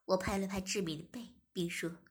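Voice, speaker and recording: A woman reading a first-person story aloud in a soft, breathy, half-whispered way. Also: mid-range voice, steady tone, brisk.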